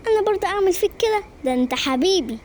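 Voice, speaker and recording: A woman voicing a teasing, confident older sister in an animated story, reassuring her brother. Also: extremely high pitch, very fast, slight background noise.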